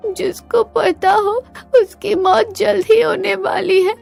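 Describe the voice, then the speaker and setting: A woman's voice: extremely high pitch, flat delivery, takes it slowly, creaky, a little mellow, faint music behind, voice pushed up, exaggerated voice. A woman voicing a frightened young female goat, tearful and pleading in a cartoon.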